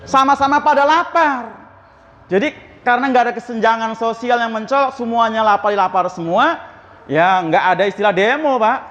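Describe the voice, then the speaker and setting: A man's voice: extremely high pitch, moderate pace, a bit bright, in a large hall. A man preaching in a mosque. He talks in a chatty way, asks the congregation questions and acts out the dialogue of the people in his story. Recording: slightly dull, faintly noisy.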